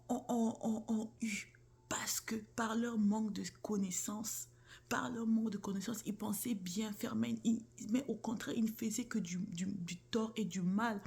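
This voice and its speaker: Speaking in a creaky, darkish mid-range voice, a woman shares an earnest, informal faith message straight to camera. She addresses listeners as sister or brother and frequently lowers her voice almost to a whisper.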